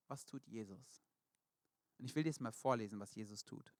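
A man preaching a sermon, retelling stories in a lively way and acting out the voices of the people in them. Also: fairly low pitch, fairly quick, no echo, studio quality.

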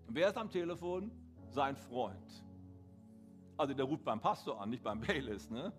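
Male pastor, sermon storyteller, animated delivery, faint music bed. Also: medium pitch, normal speed. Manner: animated storytelling, acts out quoted voices.

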